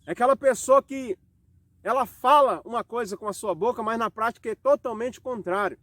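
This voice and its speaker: Man, Brazilian accent, high voice, dry close sound, home sermon, rhetorical questions. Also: fairly bright tone, no room sound. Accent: Brazilian Portuguese. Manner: rhetorical questions, slow dramatic scripture reading. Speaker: preacher.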